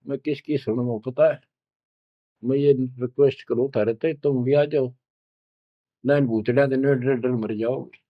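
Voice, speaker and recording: A man's voice: mid-range voice, dry recording, lo-fi sound, natural voice. A man with a Haryanvi accent voicing a distraught village woman scolding her brother through tears. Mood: pleading. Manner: tearful scolding.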